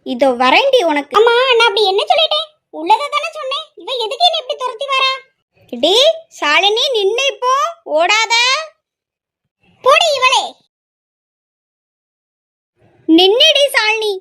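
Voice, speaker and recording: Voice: very high voice, animated, moderate pace, pauses often, pushed and bright, heavily acted. A woman voicing a cheeky teenage village girl who bickers, teases and makes playful threats. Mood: bickering. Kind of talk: amateur audio drama acting.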